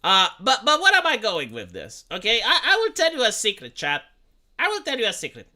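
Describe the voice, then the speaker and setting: Fairly quick and pushed, with a bright medium-pitched voice and huge pitch swings, a livestreamer in their thirties from Romania rambles to chat. The casual commentary is profane and full of restarts.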